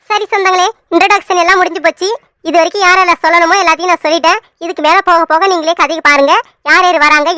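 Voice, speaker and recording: A woman's voice: very high-pitched, pushed and bright. A woman narrating a cartoon serial in a chatty way, speaking directly to the audience and introducing the characters. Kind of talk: storytelling narration addressing the audience.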